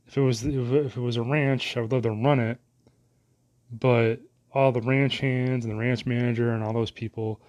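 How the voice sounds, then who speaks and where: A man's voice: mid-range voice, steady tone, moderate pace, darkish tone. A man talking in a casual rambling monologue, full of fillers and mild cursing, as he daydreams aloud.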